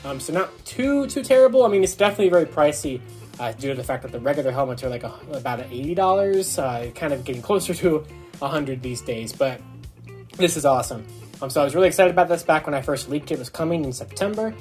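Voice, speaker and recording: Talking fast with lively intonation, a young male toy review vlogger unboxes a product on camera inside his small dorm bedroom, informal and full of enthusiasm. His voice is on the high side with a darkish tone, and soft background music plays.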